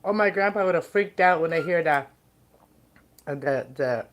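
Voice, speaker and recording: A woman doing a casual mukbang, eating and talking to viewers in unhurried, stop-and-start remarks. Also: deep voice. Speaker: mukbang livestream host.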